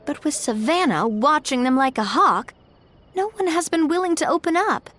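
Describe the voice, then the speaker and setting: Game role: principled young heroine, high, lively intonation, courteous, composed, firm. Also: female voice, moderate pace. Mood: weary, explanatory. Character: poised, principled, friendly young woman leader. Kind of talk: animated game voice acting.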